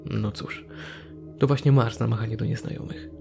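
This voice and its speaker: A man's voice: mid-range voice, fairly even intonation, moderate pace, gravelly, dark tone, soft background music, natural voice. A man reading a joking young guy. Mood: teasing. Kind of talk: scripted horror story reading.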